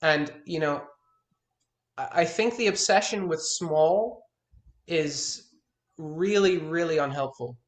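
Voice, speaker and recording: This thirties-aged guitar teacher takes things slowly in a one-on-one lesson consultation, pausing often while he pushes his points on technique with blunt emphasis and restarts words along the way. He has a somewhat higher pitch than the typical man. A clear room echo colors the sound.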